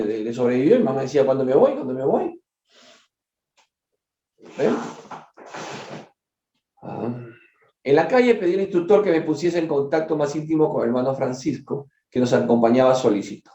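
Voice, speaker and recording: A man's voice: mid-range voice, mellow. A man leading a study group, reading a book aloud and breaking off to comment to his listeners in a conversational way. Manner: conversational, with frequent asides to listeners. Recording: echoey dull lo-fi room.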